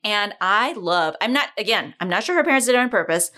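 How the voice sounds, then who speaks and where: Female co-host and coach, animated, varied intonation, acts out quotes in chatty podcast talk. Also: mid-range voice, brisk. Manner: animated storyteller, quotes others in exaggerated voices, laughs often. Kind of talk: casual podcast chat.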